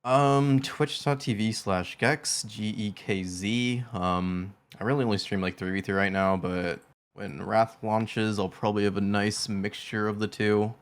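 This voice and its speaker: Low-voiced relaxed male gamer. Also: smooth. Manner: relaxed, quick bursts, lots of "like". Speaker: guest streamer. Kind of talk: casual roundtable chat.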